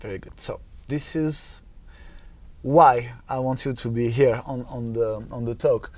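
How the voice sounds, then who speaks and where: A man hosting a wellness podcast, chatting with a guest in a halting way, full of fillers and restarts. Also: medium pitch. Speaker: podcast host. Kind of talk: casual interview chat. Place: Dubai.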